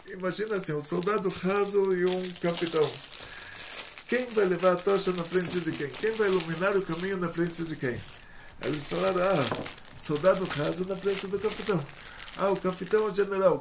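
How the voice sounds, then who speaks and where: A man preaching as a rabbi, telling teaching stories and growing loud and animated at the punchlines. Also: a little high, creaky, slight background noise. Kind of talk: sermon. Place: outdoor gathering.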